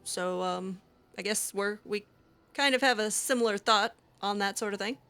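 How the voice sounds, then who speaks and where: Her mid-range voice is bright and forceful, delivered at a normal speed with no echo. She hosts a channel as a roleplay gamer, improvising chatty, slightly hesitant dialogue through a video game and reacting with brief interjections.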